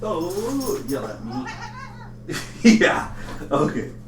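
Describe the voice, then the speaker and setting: A man's voice: fairly high pitch, very animated, very slow, background noise. A man hosting a livestream, reading scripture aloud and breaking off into mocking, profane comedic asides. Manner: profane, mocking asides between read passages. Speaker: livestream host.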